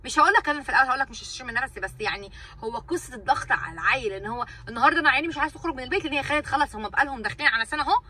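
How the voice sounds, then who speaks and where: A woman's voice: high-pitched, very fast, sharp tone, husky, recorded from a distance, low-quality recording. A woman with an Egyptian Arabic accent, a mother and vlogger venting casually to her viewers in an exasperated, ranting way, repeating herself for emphasis.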